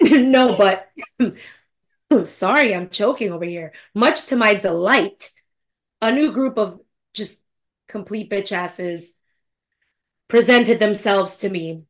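A woman co-hosting a casual podcast, unhurried in her delivery. She laughs a lot and swears with emphatic, playful outrage at the people she nominates. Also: mid-range voice. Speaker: podcast co-host. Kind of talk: casual panel podcast chat.

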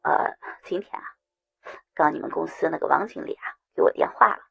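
A smug, scheming young man, put on by a woman narrator in a storytelling recording. The voice is pushed low and very gravelly, raspy and husky. He drawls his lines with a teasing, self-satisfied ease. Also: a little fast, no echo, heavily acted. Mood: sly.

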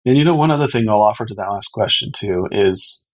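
A man's voice: lowish voice, expressive, brisk, fairly bright tone. A man speaking as an expert podcast guest, explaining things earnestly and conversationally. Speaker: podcast guest, company co-founder.

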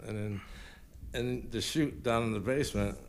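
A man's voice: medium pitch, normal speed, creaky, a little hiss or hum. A man telling anecdotes in a casual, colloquial, rambling way as an interview guest. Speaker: guest paranormal investigator.

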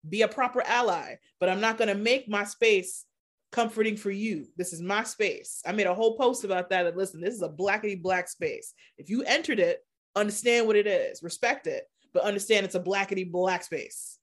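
A woman speaking as a podcast guest in a casual, animated way, laughing often and slowing down for emphasis. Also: medium pitch. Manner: animated, laughs often, shifts between quick and slow emphatic phrasing. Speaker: podcast guest, content creator. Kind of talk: casual conversational interview.

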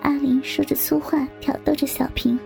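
Female story narrator, high pitched, gravelly, hushed reading, faint background music. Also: little pitch movement, normal speed. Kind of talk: scripted narration of an erotic story.

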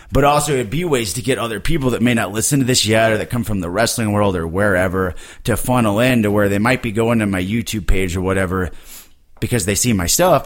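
A man who wrestles, hosting a podcast and chatting loosely about his ideas, swearing freely and laughing easily. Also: lowish voice. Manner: laid-back, swears a lot, laughs easily. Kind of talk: casual podcast chat.

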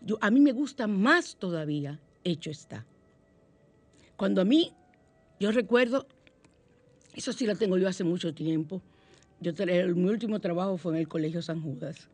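A woman's voice: on the low side, moderate pace, no room sound, soft background music. Woman hosting a motivational radio talk. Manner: warm, animated storytelling with acted-out quotes. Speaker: radio show host.

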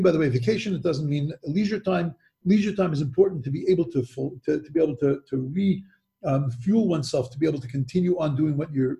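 A man's voice: a little high, vocal fry, dark tone. A man teaching a Mishnah lesson, asking rhetorical questions and often restarting his sentences. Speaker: Torah teacher.

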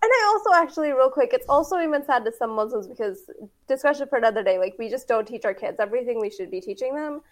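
Animated woman podcast co-host. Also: a little high, quick pace. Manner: animated storytelling with quoted voices and laughs. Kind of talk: casual podcast chat.

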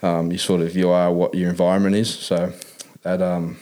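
Low-voiced Australian man, laid-back working-class slang. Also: level tone, moderate pace, mellow. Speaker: interview guest. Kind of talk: casual personal interview, telling life story.

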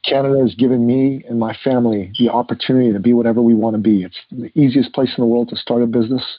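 A man's voice: medium pitch, steady tone, quick pace, husky, no room sound, dull audio. A man in his fifties, born in Iran, telling his life story earnestly as a guest author in a podcast interview, with frequent "uh" fillers. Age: 50s.

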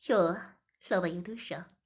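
A woman's voice: on the low side, normal speed, husky, voice pushed down. A woman voicing a smug, mocking shop owner in an audio story, speaking in a teasing, smirking way.

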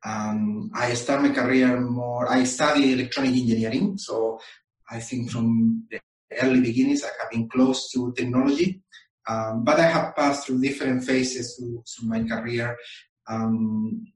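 A man from Chile, answering interview questions in a measured way and pausing often with ums and uhs. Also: mid-range voice, steady tone, far from the mic. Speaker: guest. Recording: echoey room, voice a bit off-mic.

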